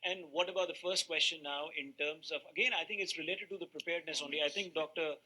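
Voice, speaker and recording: A man's voice: a little high, steady tone, fast talker, bright, forceful tone, low-quality recording. A man with an Indian accent hosting a live call-in talk show, switching between English and Hindi. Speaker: TV host.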